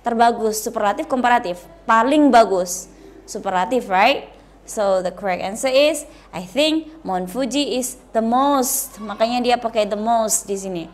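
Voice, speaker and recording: A woman's voice: fairly high pitch, unhurried. A woman with an Indonesian accent explaining English comparatives in a bilingual lesson, checking in with repeated "alright?". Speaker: English teacher.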